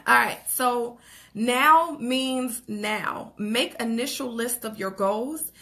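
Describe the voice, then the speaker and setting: A young woman with a slightly high voice delivers a fired-up motivational talk, preaching about goals and action. She repeats calls to act, slips in short laughs and keeps asking "okay?" to check her listeners are with her. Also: a bit bright. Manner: laughs between phrases, says "okay?" and "like" often. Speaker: motivational vlogger.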